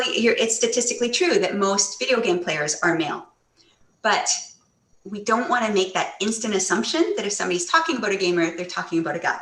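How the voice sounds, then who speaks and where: A woman in her forties, a children's author, telling stories and answering questions with lively acted-out quotes. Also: mid-range voice. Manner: animated storytelling, acts out quoted voices. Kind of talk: book presentation and Q&A. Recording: echoey room, a little off-mic.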